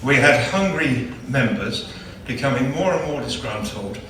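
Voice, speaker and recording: A man's voice: medium pitch, expressive, a little slow, sharp tone, slight background noise. A man, a club chairman, gives a chatty, joking after-dinner award speech. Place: large banquet hall. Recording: echoey hall, distant mic.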